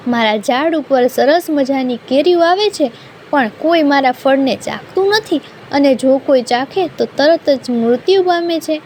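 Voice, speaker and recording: A woman voicing a sorrowful talking mango tree in a storybook tale, slow and earnest. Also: high-pitched, animated, darkish tone, slight background noise.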